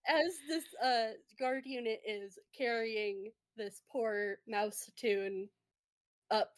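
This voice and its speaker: A woman narrating a tabletop game as game master, halting and full of fillers, laughing often. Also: on the high side, steady tone.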